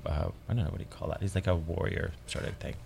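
A man's voice: low voice, fairly even intonation, fast, vocal fry, a little mellow, slight background noise. A man on a radio show as a guest actor, talking hesitantly in a studio. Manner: hesitant, rambling. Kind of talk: radio interview.

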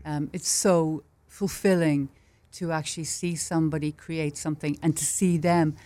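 This fifties-aged Irish woman is chatty and warm, laughing frequently as she casually describes teaching art during an interview. Her pitch is low and her tone steady, and she talks at a moderate speed.

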